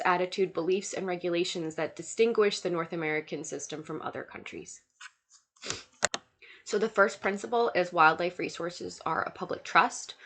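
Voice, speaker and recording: Sick and sounding stuffy and nasal, a young student lecturer presents a recorded slide lecture in a fairly low yet fairly bright voice. She moves steadily through lists of points, dropping small fillers in between.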